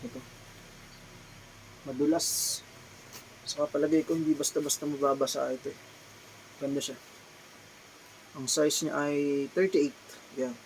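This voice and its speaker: In this rough, slightly noisy recording, a Filipino man who sells clothes presents his shop's items one by one for a casual vlog. His voice is a little high with little pitch movement, and he is slow and courteous, saying each brand name and size more than once.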